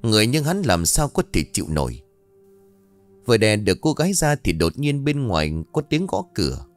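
A man narrating an audiobook story in an expressive, dramatic reading style. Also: on the low side, a little fast, faint music behind.

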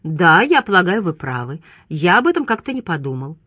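A woman's voice: fairly low pitch, big pitch swings, fairly quick, a bit bright, slightly rough, no echo, clean studio sound, full character voice. A woman voicing an elderly male judge who speaks in polite, hesitant questions in an audiobook.

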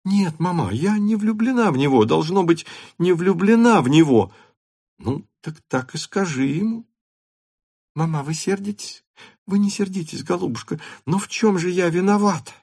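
An excitable teenage girl in an audiobook, high-pitched and insistent, voiced by a male reader. Her lines come out breathless and eager. The recording is dry and close. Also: normal speed, breathy edge, dry recording, heavily acted. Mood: pleading.

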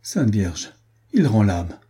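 A man's voice: fairly low pitch, big pitch swings, takes it slowly, warm tone, husky, heavily acted. A man voicing a distraught young nobleman. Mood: anguished. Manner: anguished, pleading, explosive.

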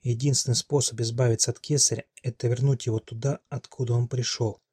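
A haughty young princess, curt and sardonic, with a dark, husky tone, as a man reads her lines. The delivery is dry and close, with no room sound. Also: medium pitch, level tone, fast talker, no echo, lightly acted. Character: cold, haughty young woman, a cursed princess.

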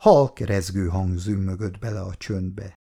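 A man reading an audiobook novel aloud in a lively, expressive scripted narration. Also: deep voice.

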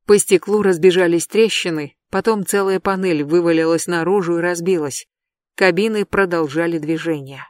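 Steady thriller audiobook narrator. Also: mid-range voice, normal speed, no room sound, clean studio sound.

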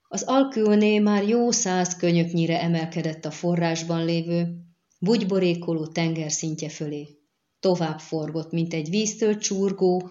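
A woman narrates a fantasy novel in a measured storytelling manner with a low voice. The recording sounds dull and lo-fi, with the top end missing. It is a steady audiobook reading.

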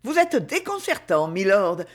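A man's voice: high voice, very animated, normal speed. A man reading aloud and voicing a playful society lady who teases in a raised voice. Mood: teasing. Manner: teasing, half laughing.

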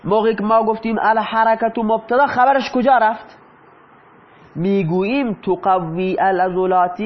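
Guy teaching grammar, high voice, asks a question then answers it, kinda muffled recording. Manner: asks the class questions and answers them himself. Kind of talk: explaining lesson in Persian.

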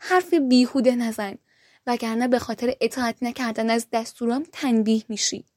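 A woman's voice: a little high, darkish tone, no room sound, studio quality, natural voice. A woman reading the lines of a proud, harsh merchant prince in a storybook, stern and scolding.

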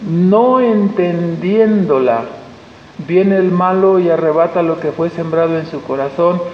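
A man with a high, unhurried voice preaches a sermon as pastor, speaking with a Mexican Spanish accent. He talks conversationally and acts out the voices of the people he quotes. The recording is dull and lo-fi, made in an echoey hall with slight background noise.

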